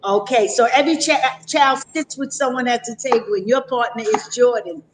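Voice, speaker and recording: A woman's voice: fairly high pitch, normal speed, background noise. A woman teacher co-hosting a school interview, asking a young child questions patiently and praising her answers. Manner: patient, encouraging, praises often. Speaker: teacher co-host. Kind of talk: gentle classroom questioning.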